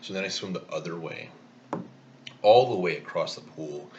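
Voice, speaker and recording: A man's voice: low voice, normal speed, darkish tone, muffled recording, a little hiss or hum. A man telling a rambling, self-mocking story in a casual vlog while eating. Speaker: vlogger.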